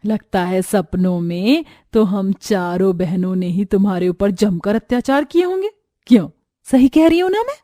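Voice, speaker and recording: A woman's voice: mid-range voice, animated, normal speed, dark tone, no echo, close to an everyday voice. Lady voicing a mean scheming sister-in-law in a cartoon, harsh threats, dry voice. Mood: menacing. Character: cruel scheming woman, bullying sister-in-law.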